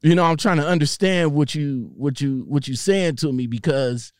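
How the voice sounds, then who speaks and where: Male interviewer, fairly high voice, casual street slang, stumbling repetitions, close dry sound. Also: no room sound. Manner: halting, repeats phrases over and over.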